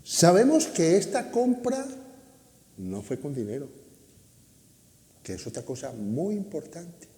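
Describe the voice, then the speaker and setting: A man's voice: a little high, sing-song, slow pace, long pauses, mellow. A man preaching a sermon as pastor, emphatic and often asking the congregation questions. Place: church hall. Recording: echoey hall.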